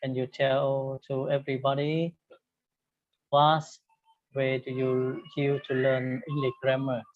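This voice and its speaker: A man hosting an online English discussion, speaking haltingly and repeating his phrases. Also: medium pitch, little pitch movement, no echo. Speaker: discussion host. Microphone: online call. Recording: narrow, phone-like online call.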